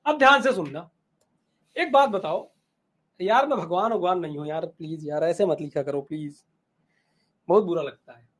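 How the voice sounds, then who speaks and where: High-voiced male teacher telling a story. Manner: animated storytelling, repeats phrases. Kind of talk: storytelling to students in a lesson.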